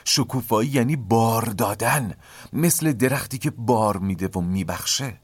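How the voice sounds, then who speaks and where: A man hosting a podcast, calmly explaining ideas in a reflective lecture and often asking rhetorical questions. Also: fairly low pitch, no echo. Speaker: podcast host.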